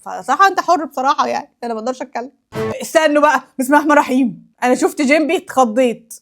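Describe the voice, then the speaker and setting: Quick, high-pitched Egyptian woman reacting. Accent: Egyptian Arabic. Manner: exclaiming, teasing, laughs often. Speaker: anime YouTuber. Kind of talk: reaction commentary.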